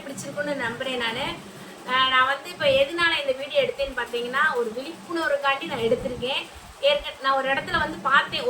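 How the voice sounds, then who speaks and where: A woman vlogger earnestly pleading with her viewers and repeating her points. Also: high-pitched. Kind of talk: talking to viewers. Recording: echoey room, far from mic, noisy.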